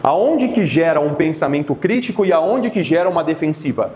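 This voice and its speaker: A man, teaching a class of therapists in a lively, conversational way and often restarting his sentences. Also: on the high side, moderate pace, slight background noise. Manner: conversational, lively, with many restarts and acted quotes. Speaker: therapy instructor. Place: classroom with students.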